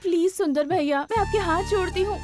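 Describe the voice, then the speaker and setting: A young heroine, pleading in a very high voice. She begs without letting up. Film music sits behind her. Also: brisk. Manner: pleading, tearful begging. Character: young woman begging to reach her lover. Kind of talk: Hindi film dub.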